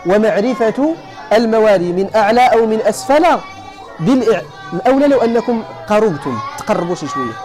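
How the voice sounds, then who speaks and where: A man with a Moroccan accent giving a classroom lecture on hadith terms, explaining each point and often asking his students whether it is clear. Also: high-pitched, animated, fast talker, a crowd in the background. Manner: explains then checks if students follow. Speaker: teacher of hadith sciences.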